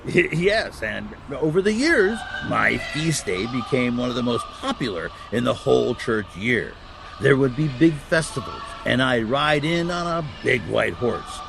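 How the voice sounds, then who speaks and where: A man playing a kindly, wise Saint Nicholas as Santa in a children's audio drama, explaining gently like a storyteller. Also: medium pitch, expressive, measured pace, creaky, noisy background.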